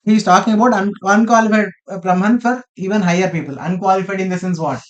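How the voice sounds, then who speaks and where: A man with a fairly high-pitched voice guides an informal scripture study. He explains haltingly, often repeating a phrase before moving on. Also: fairly even intonation, lo-fi sound. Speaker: study group discussion leader. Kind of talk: informal scripture discussion with Sanskrit chanting and explanation.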